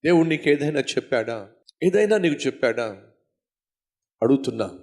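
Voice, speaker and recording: A man's voice: mid-range voice, expressive, normal speed, darkish tone. Guy preaching, emphatic, keeps repeating lines and asking the crowd stuff, ordinary mid voice. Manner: emphatic, repetitive, asks the listeners direct questions. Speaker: pastor. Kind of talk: sermon storytelling.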